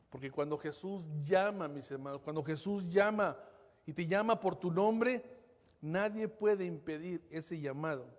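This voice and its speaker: A male pastor preaching a sermon with fervour, his voice swelling and then falling back to a hush as he keeps addressing the congregation. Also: on the high side. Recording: long reverberant hall.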